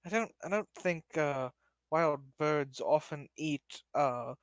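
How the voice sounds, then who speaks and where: A man's voice: a little high, takes it slowly, no room sound. A man playing a tabletop game, talking hesitantly with many fillers. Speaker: player. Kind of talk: tabletop role-play chat.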